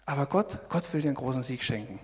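A man preaching a sermon, emphatic, swinging from loud exclamations to quiet asides. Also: medium pitch, expressive, fast. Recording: echoey hall.

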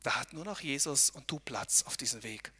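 A man's voice: medium pitch, lively intonation, normal speed, pushed and bright, breathy edge, in a large hall. A man giving an earnest devotional talk outdoors on a mountain trail. He speaks straight to his listeners and keeps checking in with short tag questions. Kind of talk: devotional talk while hiking.

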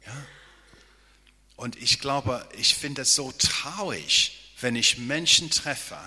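Slow, bright-voiced pastor in a reverberant hall. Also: male voice, medium pitch, husky. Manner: earnest, often checks in with listeners with a questioning "ja?". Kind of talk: sermon.

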